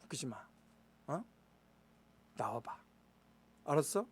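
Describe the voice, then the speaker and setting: A preacher putting on a mocking enemy commander. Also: male voice, medium pitch, big pitch swings, slow, slightly rough, pitched below the performer's own voice, full character voice. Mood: taunting. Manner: mocking, shouting threats. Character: taunting arrogant male enemy commander.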